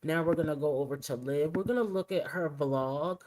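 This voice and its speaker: A woman's voice: low-pitched, normal speed, a little mellow, slight background noise, low-quality recording. A woman hosting a casual reaction commentary, chatty and opinionated, muttering asides as she sets up clips. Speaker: commentary channel host.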